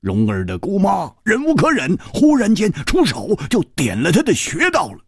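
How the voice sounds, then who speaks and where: A man voicing a boisterous young swordsman in a storytelling audiobook, talking high and fast with many fillers. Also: huge pitch swings, vocal fry, husky, no echo, clean studio sound, heavily acted. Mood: excited.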